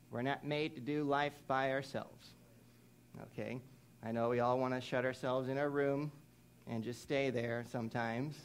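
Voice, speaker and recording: Man, young adult, preacher, conversational sermon, animated storytelling, medium pitch.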